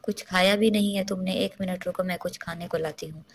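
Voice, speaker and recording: A woman voicing a caring, anxious young woman who soothes her friend, in a low, flat voice. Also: brisk, natural voice. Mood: worried.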